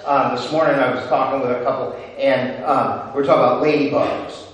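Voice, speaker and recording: A man preaching a sermon as a pastor, swinging from loud, excited passages to very quiet, intimate ones. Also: mid-range voice, brisk. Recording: echoey hall from far off.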